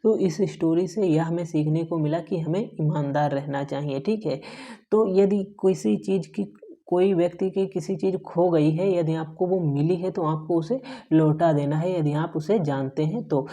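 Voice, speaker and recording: A male English teacher going through a story line by line, saying each English phrase slowly, translating it into Hindi and asking short rhetorical questions with frequent "ठीक है" check-ins. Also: a little high, dark tone. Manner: keeps adding "ठीक है" as a check-in.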